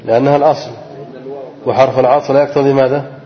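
A man's voice: mid-range voice, flat delivery. Man teaching in an echoey hall. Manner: reads a passage, then explains it slowly and quizzes students. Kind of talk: lecture explaining a classical grammar text. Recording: dull, echoey recording in a large hall.

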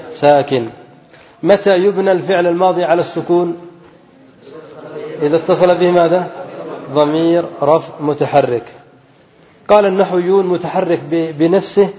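Male grammar teacher quizzing his class. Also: high-pitched. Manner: asks the class questions and repeats the key answer; stretches out example words slowly. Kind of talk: classroom grammar lesson with call-and-response questions. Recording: dull lo-fi recording with long reverb.

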